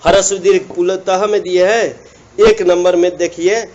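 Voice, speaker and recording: A man's voice: sits high, steady tone, a little slow, a little mellow, rough recording. A man teaching Sanskrit grammar in a classroom lecture, drawing out words, repeating himself and prompting students to answer. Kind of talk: classroom lecture with call-and-response.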